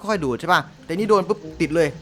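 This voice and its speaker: A young man hosting a gameplay video, chatting casually and excitedly with crude slang and lots of laughter. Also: high voice, rapid-fire. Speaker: gaming YouTuber host. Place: home room, rain outside.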